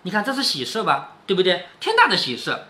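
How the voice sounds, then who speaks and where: Fast and pushed, his high, bright voice swings hugely in pitch. He reads a classic novel aloud, unpacks it in a chatty way, and keeps asking the listener "right?" like a book commentator.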